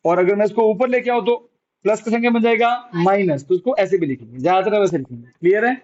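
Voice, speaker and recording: A science teacher with a fairly high, slightly mellow voice teaches physics to a class at a quick pace. He keeps posing questions and then answering them himself in a coaxing way. The classroom recording sounds dull and lo-fi.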